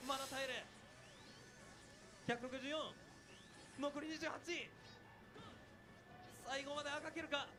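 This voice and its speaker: Guy calling a match super fast, very high voice, music behind. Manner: excitable, rapid calls. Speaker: esports commentator. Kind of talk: play-by-play commentary.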